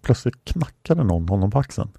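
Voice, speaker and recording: A man narrates a storybook in a calm, even way, his voice low and mellow with a slightly husky edge. The sound is close and dry, with no room around it. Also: no room sound. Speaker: audiobook narrator. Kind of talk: scripted narration.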